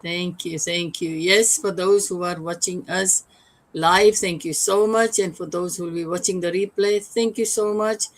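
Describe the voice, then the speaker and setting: Low-voiced woman hosting a live show. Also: steady tone, a little slow, poor audio. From Fiji. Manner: welcoming, with fillers. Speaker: host.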